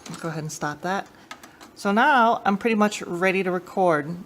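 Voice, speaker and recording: Room ambience and clear background noise fill this casual how-to demonstration from a woman who hosts a tape deck tech channel. Her fairly low voice keeps a moderate pace as she explains things informally and somewhat hesitantly.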